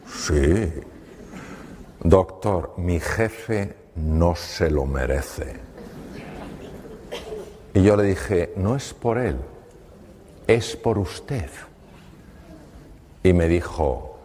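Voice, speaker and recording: Middle-aged guy, a doctor telling a story on stage, lowish voice, acts out both sides w pauses, echoey hall + faint hum. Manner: lively anecdotes, acts out dialogue with pauses. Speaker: doctor giving a talk. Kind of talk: storytelling talk to an audience. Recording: hall reverb with faint room noise.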